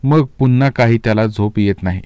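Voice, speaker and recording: A man's voice: fairly low pitch, fairly quick, warm tone, clean tone, no room sound, highs cut off. A man telling a Marathi short story aloud, narrating and voicing village characters in rustic dialect.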